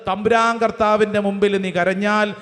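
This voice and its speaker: High-pitched priest preaching, has the crowd repeat verses after him, long echoey church hall sound. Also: male voice, flat delivery, normal speed, fairly bright tone. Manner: leads listeners in repeating verses phrase by phrase; cites verses with English chapter numbers. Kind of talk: sermon with call-and-response.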